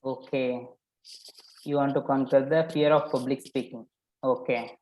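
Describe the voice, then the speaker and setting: A man's voice: medium pitch, fairly even intonation, a little slow, darkish tone. Man coaching in a roomy echo. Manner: probing, repeats participants' answers back. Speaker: workshop coach. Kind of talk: live online coaching session.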